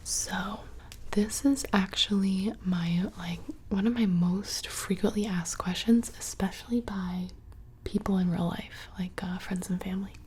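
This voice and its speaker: A woman's voice: mid-range voice, fairly even intonation, unhurried, darkish tone, slight background noise. A young woman whispering casually and close to the microphone, rambling through questions in an ASMR video. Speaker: ASMR creator. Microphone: close studio microphone.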